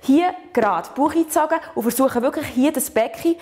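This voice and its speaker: Speaking in a high, mellow voice at a brisk pace, a Swiss-accented woman coaches a learner through stretching and back work one step at a time. She stays patient and encouraging, tagging many sentences with "oder?".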